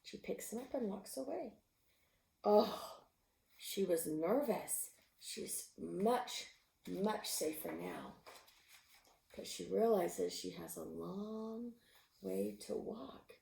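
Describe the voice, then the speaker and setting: Gravelly woman reading a picture book aloud. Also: medium pitch, slow. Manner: expressive, with gasps and animal sounds; drops to a whisper at tense moments. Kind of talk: storybook read-aloud. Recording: roomy echo.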